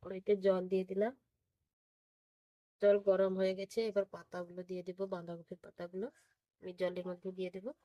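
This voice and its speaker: A woman with a voice hoarse from a cold, calmly narrating each cooking step in her home kitchen and repeating each one. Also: lowish voice, fairly quick, long pauses, dry recording, highs cut off. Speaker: cooking channel host. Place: home kitchen with stove sizzling.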